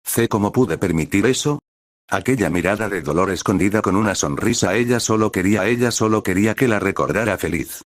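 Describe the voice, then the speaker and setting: A man's voice: lowish voice, brisk, dry recording. A man reading a fan fiction story aloud in the first person, with emotional, dramatic storytelling.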